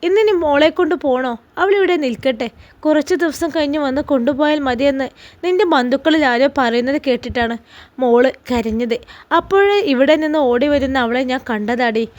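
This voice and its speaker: A woman voicing a warm, playful sister-in-law who teases and reassures, with a Malappuram Malayalam accent. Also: high voice, brisk, close to an everyday voice. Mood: playful reassuring. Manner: teasing, reassuring.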